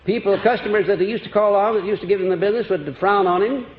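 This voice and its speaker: A man's voice: high voice, steady tone, fast talker. A man giving a folksy motivational seminar lecture on an old archival recording, chuckling and quizzing his audience. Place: lecture hall before a live audience. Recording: echoey, dull old lecture-hall tape with faint hiss.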